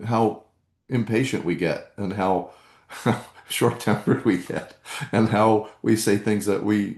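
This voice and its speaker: A man's voice: low-pitched, gravelly, a little mellow, reverberant. A man hosting a live meditation workshop, coaching earnestly and reading out chat comments.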